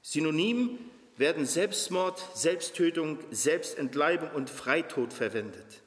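A man's voice: on the high side, expressive, takes it slowly. A man in his fifties preaching a sermon as a pastor, earnest, his voice climbing when he reads scripture aloud. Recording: echoey hall with long reverb.

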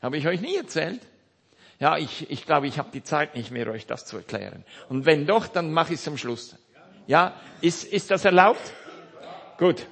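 A male preacher giving a sermon, slow and emphatic, who rises to loud outbursts and drops to hushed near-whispers. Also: fairly high pitch, sing-song, gravelly, husky.

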